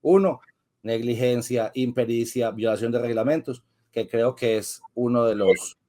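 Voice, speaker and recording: Lawyer explaining like a teacher. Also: male voice, mid-range voice, measured pace, warm tone, slight background noise. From Colombia. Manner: explains patiently like a teacher, asks and answers his own questions. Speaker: lawyer guest. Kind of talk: explanatory interview.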